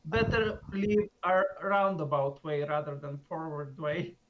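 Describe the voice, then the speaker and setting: A man's voice: on the high side, unhurried. A man playing a tabletop game over voice chat, dry and matter-of-fact. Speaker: player. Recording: dull lo-fi mic with faint hiss.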